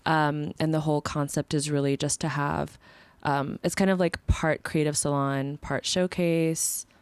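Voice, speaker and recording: Low, smooth woman with gravelly fry. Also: unhurried, no room sound. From born in the United States, raised partly in Ethiopia. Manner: relaxed, reflective, many fillers. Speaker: guest, film series organizer. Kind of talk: casual conversation.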